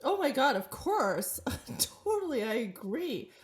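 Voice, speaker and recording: A woman's voice: high voice, sing-song, a little slow. A woman co-hosting a podcast who reacts playfully. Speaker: podcast co-host. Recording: roomy with loud music.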